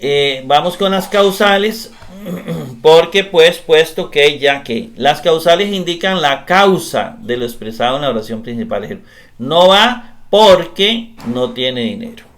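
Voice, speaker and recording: A man giving a recorded grammar class, explaining step by step, often pausing with "eh" and checking in with "¿verdad?". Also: on the high side, animated, a bit bright. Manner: explanatory, repeats tag question "¿verdad?", frequent hesitations. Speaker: grammar teacher.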